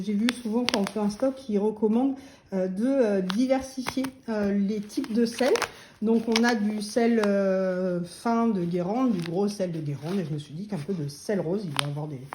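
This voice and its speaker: A middle-aged woman chatting casually about her shopping, hesitant and full of fillers, often laughing at herself. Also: medium pitch. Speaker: vlogger. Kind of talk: casual haul vlog chat. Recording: echoey room with faint noise.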